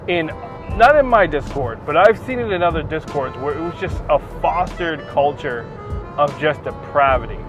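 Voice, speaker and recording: A man from New Jersey with an American accent, talking in a halting, emphatic, incredulous way in a casual gaming vlog. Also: on the high side. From New Jersey, USA. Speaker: gaming content creator. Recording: music behind the voice.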